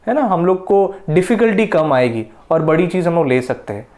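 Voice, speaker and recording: A man's voice: on the high side, sing-song, moderate pace, darkish tone. A man playing a mom, exasperated. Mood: explaining. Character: scolding middle-aged Indian mother.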